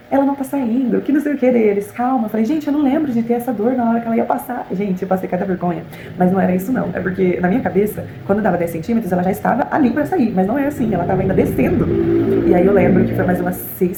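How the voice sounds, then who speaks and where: A young Brazilian woman vlogger chats quickly and animatedly to her viewers in a warm, low voice, telling casual stories in Brazilian Portuguese with frequent "gente" and "né" asides. Her room has a slight echo and faint hiss.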